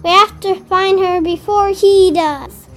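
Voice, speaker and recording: A woman doing a high playful pirate bunny. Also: takes it slowly, exaggerated voice. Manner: gruff pirate talk, playful and loud. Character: young boy rabbit playing a bold pirate captain.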